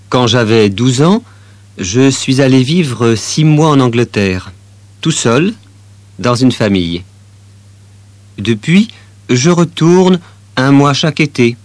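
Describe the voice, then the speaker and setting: A man playing a French teenage boy in a scripted listening exercise, speaking calmly and plainly. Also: mid-range voice, no echo. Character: young French teenage boy telling about languages.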